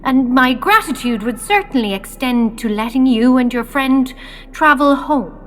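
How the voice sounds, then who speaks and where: A woman's voice: sits high, animated, a little slow, a bit bright. Commanding, coolly gracious Snow Queen. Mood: imperious. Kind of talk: children's audio drama acting.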